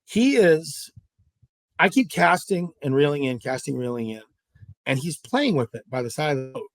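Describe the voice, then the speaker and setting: A man from Southern California, a guest angler, telling a fishing story in an animated way, with many restarts and asides. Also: on the high side, normal speed, no room sound, clean studio sound.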